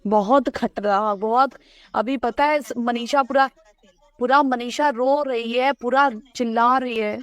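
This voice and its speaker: Stressed woman on a call, highish voice, dry sound, keeps restarting sentences. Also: fairly even intonation, no echo. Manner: anxious, hurried, many restarts. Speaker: caller on a recorded phone call. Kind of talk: worried phone conversation.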